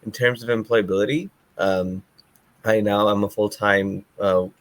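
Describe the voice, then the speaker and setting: A young man who grew up in the UAE introduces himself on a student panel. His voice sits very low and sounds close and dry, and his delivery is upbeat with fillers. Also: fairly even intonation, a little slow, no room sound. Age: young adult.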